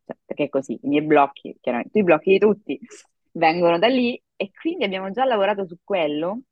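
Animated woman telling a story, low voice. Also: no room sound, phone-quality sound. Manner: animated storytelling with many fillers. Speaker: guest, actress and acting coach. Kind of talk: casual podcast conversation.

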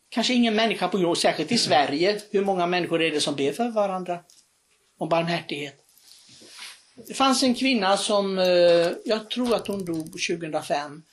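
Earnest, halting religious storyteller. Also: medium pitch. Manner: earnest, animated retelling with many restarts and hesitations.

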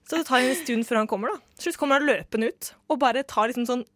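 A woman's voice: fairly high pitch, fairly bright tone, no room sound, clean studio sound. A young woman from Norway telling a funny personal story in casual chat, acting out the people she quotes.

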